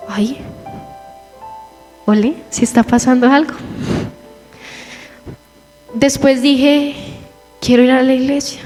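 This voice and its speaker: A young woman giving a personal testimony in church, telling her story with lively quoted asides. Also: sits high. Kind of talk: testimony sermon. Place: church hall. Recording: reverberant church hall with faint music.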